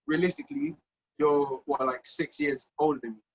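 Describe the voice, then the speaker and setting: A man in his early twenties in casual podcast chat, talking in fast slangy banter. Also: a little high, lo-fi sound, slight background noise. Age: 20s.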